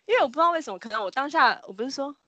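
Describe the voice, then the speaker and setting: Lively woman telling a story, dry close sound. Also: high voice, racing, dry recording, muffled recording. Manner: animated storyteller, acts out the people she quotes with sudden shrieks. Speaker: podcast co-host telling a ghost story. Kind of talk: casual storytelling chat.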